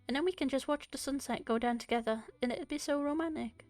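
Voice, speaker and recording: A woman voicing a gentle, refined young woman in a visual novel, speaking softly and politely. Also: high voice, fast talker, no room sound, soft background music, close to an everyday voice. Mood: excited. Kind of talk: reading a visual novel aloud.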